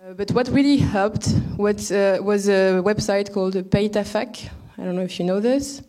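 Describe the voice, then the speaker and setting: A soft-spoken woman joins a panel discussion and speaks tentatively. Her voice is mellow and warm. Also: medium pitch, normal speed.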